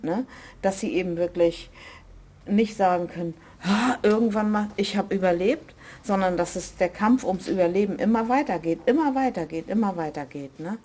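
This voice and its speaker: A woman's voice: lowish voice, darkish tone. A woman who organizes a volunteer meeting place, talking in an earnest, emphatic way and often ending with tag questions. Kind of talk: conversational interview.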